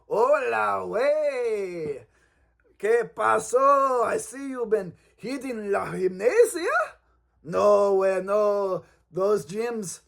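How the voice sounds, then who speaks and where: A man voicing a hyped-up male gym owner in a spoof ad, with a put-on Mexican Spanish accent and a salesy, slangy pitch. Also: gravelly, exaggerated voice. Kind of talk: comic spoof radio ad.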